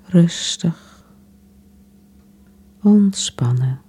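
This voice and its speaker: Very slow, dark-voiced woman guiding relaxation. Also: lowish voice, animated, slightly rough. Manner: soft, soothing, unhurried with long pauses. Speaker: relaxation exercise guide. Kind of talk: guided relaxation meditation.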